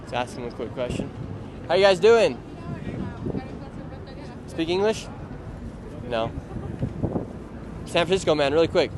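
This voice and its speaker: An upbeat man interviews passersby on a livestream and reacts quickly to what they say. He is out on a city street, and the traffic noise around him comes through clearly. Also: a little high, lively intonation.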